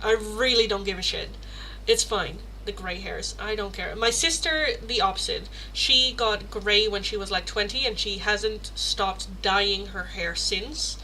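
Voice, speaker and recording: A tarot livestream host in her thirties chats casually with viewers, answering their questions, poking fun at herself, laughing a lot and swearing freely. Her medium-pitched voice is bright and forceful and runs a little slow. The audio is poor, with slight background noise.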